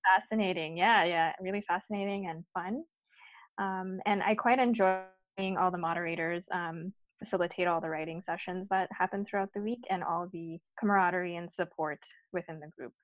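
Fairly quick and steady in tone, this low-leaning female voice belongs to a recent PhD graduate from Guyana, speaking earnestly with plenty of fillers as a podcast guest. The casual interview is captured in a dull, dry lo-fi recording.

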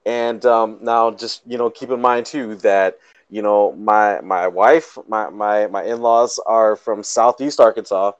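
A man's voice: fairly low pitch, level tone, measured pace, smooth, no echo, highs cut off. A man co-hosting a casual chat, rambling through a story with many ums, restarts and frequent laughs. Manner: laughs often. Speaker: podcast co-host.

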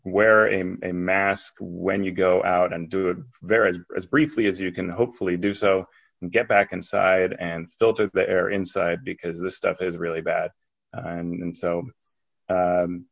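Man, podcast co-host, lowish pitch, casual chat, slightly muffled lo-fi recording. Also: creaky.

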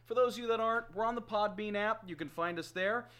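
High-pitched male host, loose and jokey, promo-style energy. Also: fast, fairly bright tone. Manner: laughing, joking, promo-style hype. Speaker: podcast host. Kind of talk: casual podcast chat.

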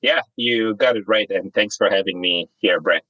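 Deep-voiced Zimbabwe-born founder in his thirties. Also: moderate pace, dry recording, highs cut off. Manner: candid, relaxed, storytelling with fillers. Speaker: startup founder and CEO. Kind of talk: interview guest, storytelling.

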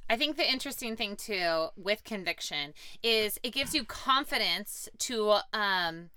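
A woman co-hosting a casual faith podcast, chatty and quick to laugh, thinking aloud as she talks. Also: mid-range voice, expressive, sharp tone, clear, resonant tone, dry recording. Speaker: podcast co-host.

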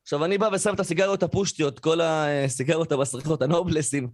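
A man telling a story on a podcast. He talks casually and fills it with fillers, and he acts out the people he quotes. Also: on the high side. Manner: animated, acts out quoted voices, frequent fillers. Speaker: podcast co-host.

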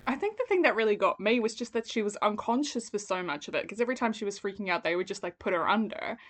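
A woman's voice: medium pitch, animated, fast talker. A woman co-hosting a casual book podcast, talking informally with a wry, self-dramatising manner. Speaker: podcast co-host.

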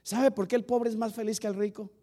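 A male pastor preaching a sermon, often calling the listeners "hermano" and swinging between loud emphasis and quieter stretches. The sermon comes from an older archived church recording. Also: high-pitched, fairly even intonation, fairly quick. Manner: preaching with rising and falling emphasis, repeating "hermano".

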